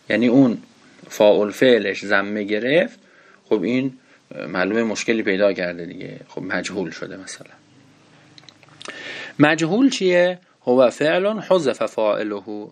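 A man with a fairly low voice teaches a grammar class. His delivery is lively and full of rising and falling pitch. He slows down to read Arabic passages and then quizzes himself on them. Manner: explains patiently, asks and answers his own questions, reads Arabic text slowly.

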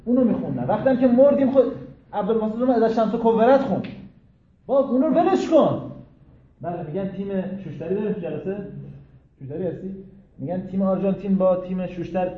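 A man, a cleric, giving an interactive religious lecture to students, telling jokes and stories in an animated way, in a distant, echoey, phone-like recording. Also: sits high. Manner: animated, joking storyteller. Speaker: cleric teaching a religious class.

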